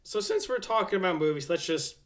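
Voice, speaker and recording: A man co-hosting a podcast in casual chat, jokey and quick to giggle. His voice is fairly high and moves up and down a lot. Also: expressive. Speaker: podcast co-host.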